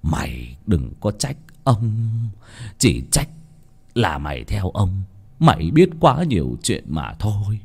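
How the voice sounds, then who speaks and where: A man voicing a greedy, scheming old village chief with a low, commanding, menacing voice. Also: huge pitch swings, takes it slowly, gravelly, slightly rough, heavily acted. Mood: gloating.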